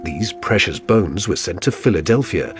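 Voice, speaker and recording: A man's voice: low voice, expressive, moderate pace, over music. A man reading scripted documentary narration in a dramatic manner.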